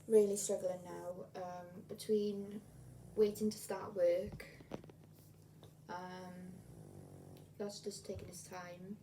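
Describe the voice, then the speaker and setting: A woman's voice: on the low side, flat delivery, takes it slowly, pauses often, mellow. A woman, chatting casually to camera in a rambling, repetitive way as a video blogger. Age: 20s. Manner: rambling, repeats herself. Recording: distant mic, clear room noise.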